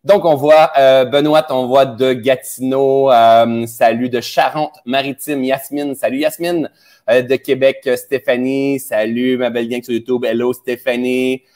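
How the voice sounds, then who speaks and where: A man's voice: medium pitch, steady tone, measured pace, a little mellow. A man with a Québécois French accent hosting a spiritual live stream, greeting viewers and speaking directly to them with many fillers. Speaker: host of a personal growth live stream. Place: indoors, traveling.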